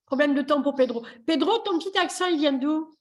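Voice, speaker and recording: A woman's voice: high voice, fairly quick. A woman therapist hosting a live video session in a chatty, joking way, with many fillers. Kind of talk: casual live chat. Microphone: computer mic on a video call.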